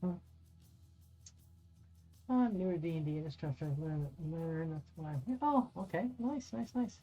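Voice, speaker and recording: A middle-aged streamer and dungeon master paints miniatures on a live stream, chatting casually with viewers, rambling, and swearing now and then. His voice is fairly high-pitched and animated at normal speed. He's in a home room by a window, and the audio is dull and lo-fi with faint music.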